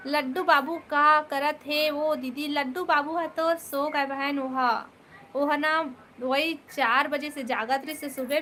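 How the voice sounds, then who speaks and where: A woman's voice: sits high, fairly bright tone, a little hiss or hum. A woman with a Chhattisgarhi accent chatting casually on a live stream, greeting viewers by name and coaxing them to stay. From Chhattisgarh, India.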